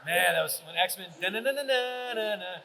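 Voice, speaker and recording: A man's voice: fairly high pitch, fairly even intonation, moderate pace, bright, forceful tone, a little hiss or hum, rough recording. A man answering fan questions on a convention panel, telling stories with enthusiasm.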